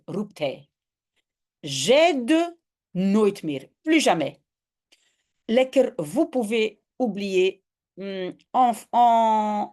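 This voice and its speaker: Lively woman teaching Dutch. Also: medium pitch. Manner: lively, switches often between reading and explaining. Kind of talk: reading a children's story aloud and explaining it.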